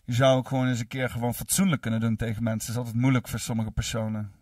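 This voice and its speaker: A man's voice: medium pitch, flat delivery, very fast, a little mellow, dry recording, studio quality, far from the mic. A man hosting a livestream, reading and answering chat in a rambling, cursing way full of fillers. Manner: rambling, profane, many fillers.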